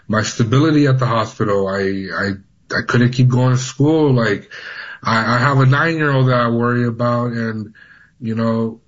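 In a news interview, a thirty-something man born in Honduras and brought up in California recounts his own story, often starting over and repeating words. He speaks at medium pitch, and the recording has its highs cut off.

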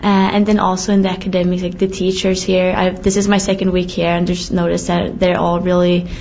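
A woman's voice: fairly low pitch, little pitch movement, brisk, darkish tone, dull audio, slight background noise. A young woman from Sweden with a Swedish accent, answering interview questions as a student athlete, hesitant with many fillers. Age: young adult.

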